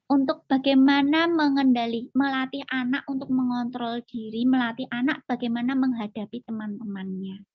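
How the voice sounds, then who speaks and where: A woman's voice: high voice, steady tone, moderate pace, no room sound, lo-fi sound. A woman lecturer giving parenting advice in a webinar, asking the audience rhetorical questions and acting out parents and children. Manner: acts out parent and child quotes in changing voices. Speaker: psychology lecturer, webinar speaker. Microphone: online video call.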